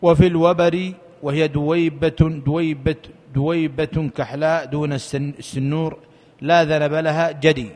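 A man's voice: on the high side, normal speed. Man reciting a classical text in a hall. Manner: steady, formal reading. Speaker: student reading the text aloud. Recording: long reverb of a hall.

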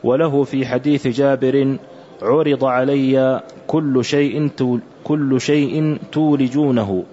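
A man reading aloud a classical religious commentary for a teacher, in a measured, careful recitation. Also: medium pitch, steady tone, dark tone. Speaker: student reading the text aloud. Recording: dull lo-fi recording.

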